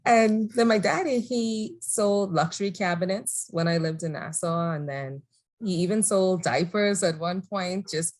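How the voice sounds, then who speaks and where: A woman from the Bahamas, answering interview questions in a measured, thoughtful way and laughing easily. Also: lowish voice, darkish tone. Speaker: guest entrepreneur. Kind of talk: conversational interview.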